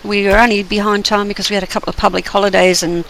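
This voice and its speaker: A hoarse co-instructor wrapping up a class session in a relaxed, chatty way. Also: mid-range voice, racing, slight background noise, poor audio. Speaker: co-instructor of a course. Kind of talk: spoken class wrap-up.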